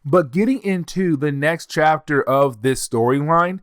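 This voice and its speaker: A man's voice: a little high, unhurried, no room sound, clean studio sound. A man hosting a comic book channel, retelling a story in a loose, conversational way. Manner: conversational, retells dialogue loosely in plain speech. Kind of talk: casual comic story recap.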